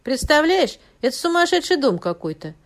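A woman's voice: high voice, big pitch swings, moderate pace, voice pushed up. A woman voicing an irritable husband who works as an investigator. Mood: agitated. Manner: irritable, grumbling.

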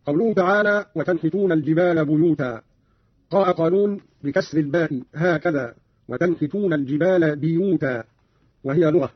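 A husky, slightly high-voiced man gives a formal explanation of recitation variants in quick, precise classical Arabic. He quotes verses to show each reading. The sound is dry and dull, like an old archival radio tape. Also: no echo. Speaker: Quran reading instructor.

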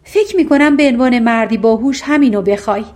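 A woman voicing a young fairy-tale princess who speaks frankly and questions her suitor, with a raised, lively pitch. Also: lightly acted. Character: young princess, candid and sharp-witted.

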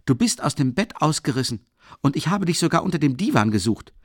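A man reading an audiobook, voicing a furious, hot-headed young man who shouts and scolds a friend. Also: fairly high pitch, big pitch swings, a little fast, dry recording, clean studio sound, voice pushed up. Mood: angry shouting.

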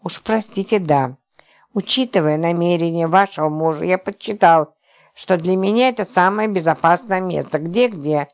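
A woman reading the part of an exasperated, sarcastic man who hides out in a stranger's flat, prone to angry outbursts. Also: on the low side, moderate pace, natural voice. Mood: explaining. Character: exasperated sarcastic man, a company boss hiding out.

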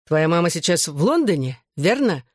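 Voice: mid-range voice, sing-song, normal speed, breathy edge, no echo, studio quality. An audiobook reader voicing a cheeky, joking teenage schoolboy who talks in a teasing, upbeat way.

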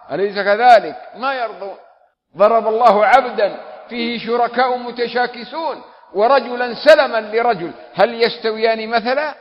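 Man preaching in a reverberant hall. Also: a little high. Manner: asks the audience repeated questions. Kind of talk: sermon. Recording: dull lo-fi audio with long hall reverb.

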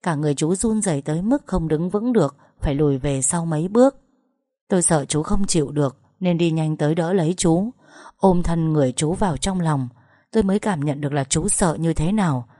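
A woman's voice: deep voice, mellow, no room sound, clean studio sound. A woman narrating a first-person dramatic story with emotional, tense storytelling.

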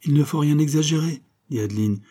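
A man's voice: on the high side, brisk, dark tone, voice pushed up, lightly acted. A man reading aloud, voicing a middle-aged industrialist and deputy who reasons patiently and teases lightly. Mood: reasoning.

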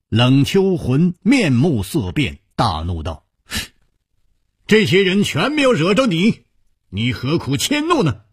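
Male radio storyteller, dramatic, sweeping pitch, slow, husky, dry sound. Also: a little mellow, no room sound. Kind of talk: Chinese storytelling narration.

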